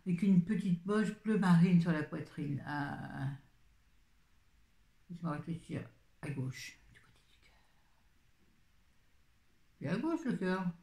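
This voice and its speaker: A woman's voice: fairly low pitch, animated, slow pace, creaky, pauses often, dark tone, echoey room. An older woman chatting casually on a live video, reviewing a book in a rambling, easily sidetracked way, speaking into a phone.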